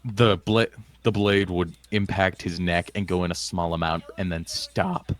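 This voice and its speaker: A deep, low-voiced man runs a tabletop role-play game. He narrates slowly and steadily, sometimes restarting a line. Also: fairly even intonation, dry recording. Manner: slow, measured narration with some restarts. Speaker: game master.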